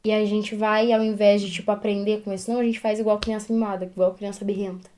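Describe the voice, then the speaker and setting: A young woman, a preschool teacher co-hosting a podcast, chatting casually and telling animated stories about her pupils. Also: mid-range voice, fast. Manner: animated storytelling, acting out children's voices. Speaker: podcast co-host. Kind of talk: casual chat.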